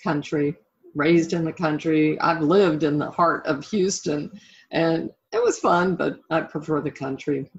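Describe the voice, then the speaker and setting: Dull lo-fi call audio carries the deep voice of a middle-aged woman, an author and life coach, chatting reflectively and informally in a casual interview. She speaks at a measured pace.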